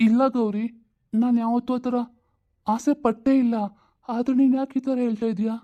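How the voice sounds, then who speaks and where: A woman voicing an ailing old father, weary and longing for his late wife, speaking slowly and pleadingly. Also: fairly high pitch, fairly even intonation, dull audio, close to an everyday voice.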